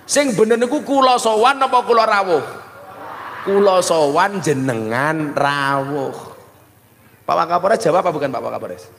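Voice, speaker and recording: A middle-aged Javanese-accented preacher delivers a joking sermon, slipping between plain talk and mock voices. His voice sits a little high for a man. A long hall reverb trails after every phrase. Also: expressive, normal speed, vocal fry, a bit bright, slight background noise. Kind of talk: humorous sermon.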